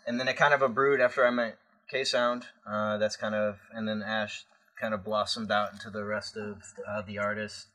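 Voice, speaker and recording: A man's voice: lowish voice, little pitch movement, moderate pace, sharp tone. A man from northern Illinois, the producer of the project, talking in a rambling way with lots of fillers in a casual interview.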